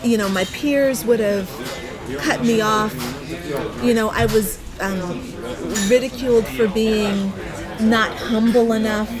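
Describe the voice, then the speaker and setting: A woman's voice: a little high, takes it slowly. A woman hosting a casual chat over a meal, talking openly and often affirming her guest. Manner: warm, affirming, frequent agreement. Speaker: host. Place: busy restaurant. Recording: restaurant crowd noise around. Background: crowd chatter.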